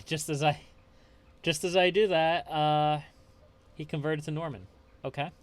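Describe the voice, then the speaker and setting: A man's voice: fairly high pitch, steady tone, unhurried. A man hosting a let's play, chatting casually and reading game text aloud as he plays, often chuckling. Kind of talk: casual gameplay commentary.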